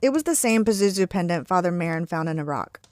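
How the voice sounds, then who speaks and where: A woman's voice: lowish voice, animated, quick pace, darkish tone, no room sound. A woman hosting a podcast, retelling a horror film scene by scene in a scripted, conversational way with bursts of enthusiasm. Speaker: podcast host.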